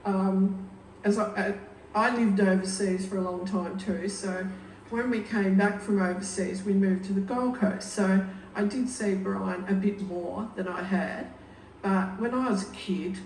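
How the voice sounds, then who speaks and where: An older woman gives an informal, unscripted funeral speech as a sister, telling anecdotes in a halting, wryly humorous way. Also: mid-range voice, darkish tone. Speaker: sister giving a funeral eulogy. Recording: echoey room, distant mic, background noise.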